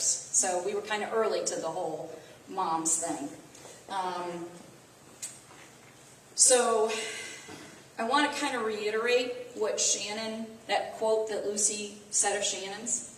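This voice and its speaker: Midwestern woman, relaxed group talk, mid pitch, echoey room, distant mic. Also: unhurried, slight background noise. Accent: Midwestern American. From American Midwest. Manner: conversational, with fillers and self-corrections. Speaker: volunteer speaker. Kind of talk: casual talk to a small audience.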